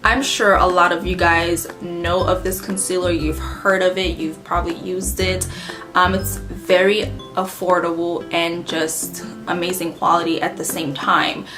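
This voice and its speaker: A beauty vlogger with a light Haitian Creole accent and a lowish voice casually reviews her favorite makeup products, keeping a level tone. She's chatty and rambling, full of ums and self-corrections, while guitar music plays clearly in the background.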